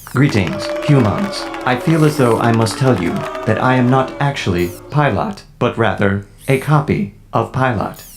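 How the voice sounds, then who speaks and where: Brief: gravelly, low deadpan robot pilot, stiff and formal, played by a man, faint music behind. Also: normal speed, natural voice. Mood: flat robotic. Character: emotionless robot copy of a male pilot.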